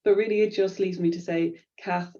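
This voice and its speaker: A woman's voice: fairly low pitch, fairly even intonation, normal speed, mellow, highs cut off. A woman hosting a webinar, effusive and thankful toward her guest. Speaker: webinar host.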